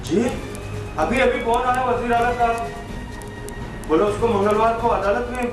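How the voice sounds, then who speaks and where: A man's voice: very high voice, a little slow. A man playing a brutal barking interrogator. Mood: obedient. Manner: barking orders, abusive. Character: cruel male police officer interrogating a prisoner. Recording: echoey room, far from mic, loud music.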